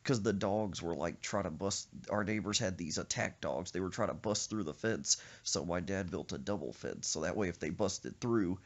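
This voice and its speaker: A man hosting a podcast, telling a rambling, animated comic story. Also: low voice, normal speed, few pauses. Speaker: podcast host.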